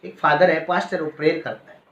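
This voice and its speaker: A man, preaching a sermon and telling a personal story in an animated way, often adding "है ना" and "Praise the Lord". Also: on the high side, brisk. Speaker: pastor. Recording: echoey, dull lo-fi hall recording.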